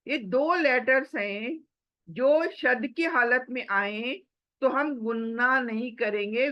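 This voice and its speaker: A woman teaching a tajweed class, patiently explaining rules step by step and sounding out recitation examples slowly, mixing English words into her talk. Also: fairly high pitch, sharp tone, muffled recording. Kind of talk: slow step-by-step recitation lesson.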